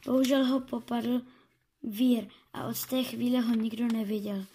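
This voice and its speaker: A woman voicing a soft breathy talking fish. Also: fairly high pitch, fairly even intonation. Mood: solemn. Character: gentle talking female fish.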